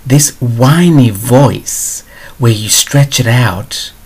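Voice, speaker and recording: A man's voice: mid-range voice, drawn-out words, darkish tone, husky. A man hosting a spiritual advice show, answering a viewer question in a blunt, digressive way.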